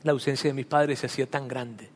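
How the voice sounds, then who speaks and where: A man's voice: medium pitch, steady tone, fairly quick. A man preaching a sermon and telling his own story, speaking to the listener intimately as though in conversation. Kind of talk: sermon with personal testimony. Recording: long reverb of a large hall.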